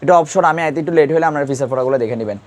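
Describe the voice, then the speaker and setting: A man's voice: on the high side, rapid-fire, a little mellow. Man quizzing a class on grammar. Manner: quizzing students with repeated questions. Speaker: Urdu grammar teacher. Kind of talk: classroom lesson.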